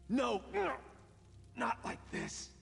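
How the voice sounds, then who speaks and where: A former thief living as a painter and husband in a fantasy game. His voice is low and swings theatrically with romantic, resigned feeling. It rings in a long reverb with music behind it. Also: lively intonation, unhurried. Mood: desperate. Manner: theatrical, dramatic phrasing. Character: retired male thief turned married painter, romantic, resigned. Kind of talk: video game voice acting.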